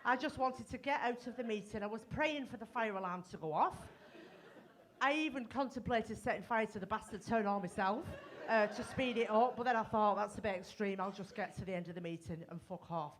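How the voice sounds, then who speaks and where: A woman's voice: medium pitch, a little fast. A middle-aged woman from North West England, performing a bawdy, self-mocking stand-up comedy set at a live gig.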